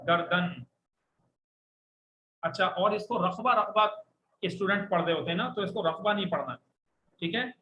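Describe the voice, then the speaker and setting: A man's voice: high-pitched, moderate pace, pauses often, dull audio. A man from Pakistan teaching Arabic words to a classroom, saying each word and having the students repeat it back. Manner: call-and-response, repeats words for students to echo. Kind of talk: classroom vocabulary drill. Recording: echoey classroom with faint noise.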